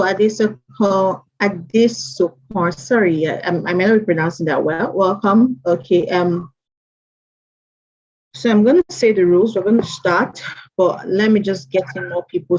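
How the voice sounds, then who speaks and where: At normal speed, a woman with a mid-range, darkish voice welcomes attendees by name in an online mentorship session. Chatty, she reads out names and repeats her greetings, and the recording is dull lo-fi stream audio.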